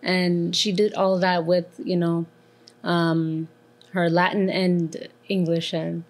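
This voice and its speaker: A woman's voice: lowish voice, flat delivery, slow pace. A young woman, a performer, answering as a guest in a casual interview, with many hesitant fillers.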